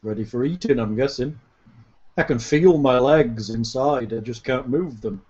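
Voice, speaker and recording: A man's voice: mid-range voice, normal speed, darkish tone, breathy edge, dull audio, natural voice. A man voicing a frightened, paralysed male expedition survivor with a Yorkshire accent, speaking in a plaintive, worried way. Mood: fearful.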